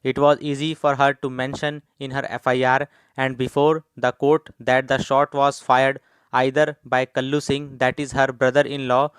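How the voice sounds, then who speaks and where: A man with an Indian accent dictating formal legal text in deliberate, evenly timed phrases, as a shorthand instructor does. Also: medium pitch, little pitch movement, clear, resonant tone, no room sound.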